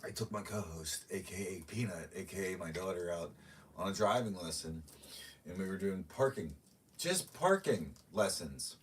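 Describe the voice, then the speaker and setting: Middle-aged man, low voice, rambling rant, off-mic, faint room noise. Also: animated, normal speed, distant mic. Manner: ranting, talks to his cats. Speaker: streamer. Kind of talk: rambling live-stream chat.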